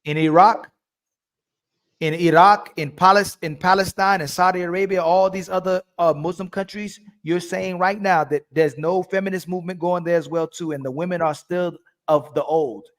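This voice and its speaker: A man's voice: sits high, steady tone, moderate pace. A man hosting a livestream call-in debate, pressing his caller with repeated questions. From family from Turkey. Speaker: livestream host.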